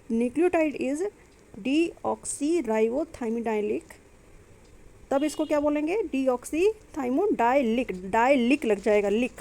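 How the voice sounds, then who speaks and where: A woman's voice: high-pitched, warm tone. A young adult woman giving an exam-prep biology lecture, explaining step by step, asking and answering her own questions, and mixing in English terms and sentences. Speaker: biology teacher.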